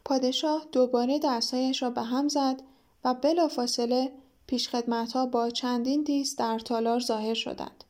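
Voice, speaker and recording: A woman with a high voice reads a children's storybook aloud. Her delivery is even and measured, and she keeps a steady narrating pace. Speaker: audiobook narrator. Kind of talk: storybook reading.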